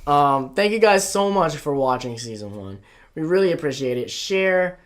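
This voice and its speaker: A woman's voice: low voice, expressive, moderate pace, slight background noise. A woman co-hosting a casual gaming podcast, talking eagerly in long runs full of "like". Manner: eager, talks in long runs with many "like" fillers. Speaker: podcast co-host. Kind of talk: casual chat.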